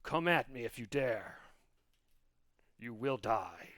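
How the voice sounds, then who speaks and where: A man voicing a giant guardian snake, speaking in a booming, magically loud voice, slow and threatening. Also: very animated, no room sound, clean studio sound. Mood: menacing. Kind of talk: game master voicing a creature.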